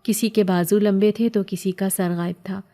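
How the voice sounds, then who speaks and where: A woman tells a horror story in the first person, tense throughout and pleading when her character speaks. Her voice is dark and mellow, at a middling pitch. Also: fairly even intonation. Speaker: narrator. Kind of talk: scripted horror narration.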